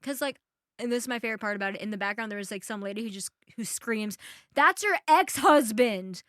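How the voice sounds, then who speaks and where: A young woman comedian from New York telling stories in casual podcast chat, animated, swearing freely and saying "like" a lot. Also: medium pitch, very fast, no echo, studio quality. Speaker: comedian guest.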